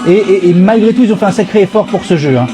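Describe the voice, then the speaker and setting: A man's voice: sits high, quick pace, over music. A middle-aged man with a stuffy cold hosting a casual live gaming stream, chatty, playful and nostalgic. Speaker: host.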